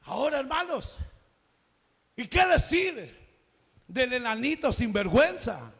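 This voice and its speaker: A preacher's voice, very high and swinging wildly in pitch, with a husky, gravelly grain. He preaches with passion, often breaking into shouts. A long church reverb hangs on every line. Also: very animated, unhurried. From El Salvador. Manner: impassioned, often shouting, storytelling. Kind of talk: evangelical sermon.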